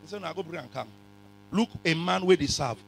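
A man with a West African accent preaching a sermon in a raspy voice, forcefully repeating phrases and questioning his congregation, sometimes in pidgin. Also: on the high side, quick pace, a little hiss or hum. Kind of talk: animated sermon, code-switching into pidgin. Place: church hall full of congregation.

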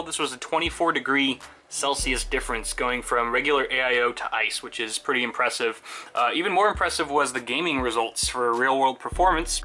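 A man's voice: mid-range voice, sharp tone. A man around thirty narrating a casual tech vlog with a wry, tongue-in-cheek streak. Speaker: tech video host. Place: indoor room at home with computers.

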